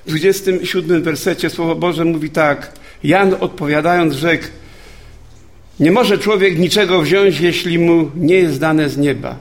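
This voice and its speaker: A man's voice: on the high side, a little slow. A man preaching a sermon as a guest preacher. He reads scripture and then puts questions to the congregation, with calls of amen and hallelujah.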